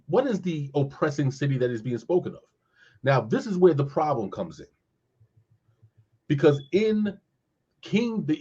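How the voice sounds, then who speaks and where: Husky man, animated scripture talk. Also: mid-range voice. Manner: animated, searching for words with many fillers. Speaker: co-host discussing scripture. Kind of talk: casual discussion. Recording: dull lo-fi sound.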